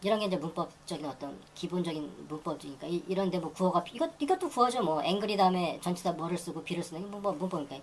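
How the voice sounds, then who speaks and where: Low-voiced woman teaching English grammar. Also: a little hiss or hum, poor audio. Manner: reads English example sentences out very slowly; repeats phrases and restarts while explaining. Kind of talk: grammar lecture.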